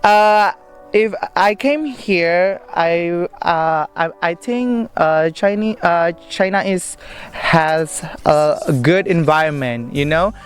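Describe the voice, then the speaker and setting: A man's voice: high-pitched, slow pace, soft background music. Chatty young man with an Indonesian accent. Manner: chatty and upbeat, hesitant with many fillers. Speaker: international student interviewee. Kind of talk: casual street interview. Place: outdoors in a forest park.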